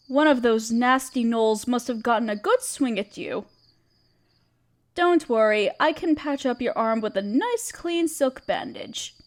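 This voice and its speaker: A woman voices a regal, tender spider queen in a scripted audio roleplay drama, her speech gentle, soothing and a touch formal. Her voice runs on the high side. Crickets and other night insects chirp behind her.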